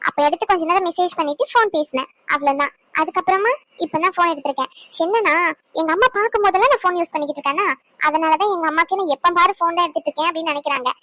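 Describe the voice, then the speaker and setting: A woman's voice: very high-pitched, bright, forceful tone, no echo. A woman voicing an earnest young wife in a cartoon, explaining herself patiently. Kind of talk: cartoon voice acting.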